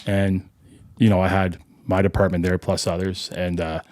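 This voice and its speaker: Low-voiced man, reflective and halting. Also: level tone, darkish tone, no room sound, studio quality. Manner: reflective, halting, many fillers and restarts. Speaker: podcast guest, firefighter and junior hockey coach. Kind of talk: casual interview talk.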